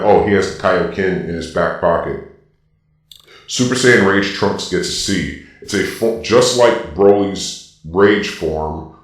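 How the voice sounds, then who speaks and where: A video host ranking anime transformations speaks through a robot voice filter as a Darth Vader-like dark-lord villain, explaining things with opinionated, emphatic casual commentary. His voice is low-pitched, and the recording is very echoey and distant from the mic.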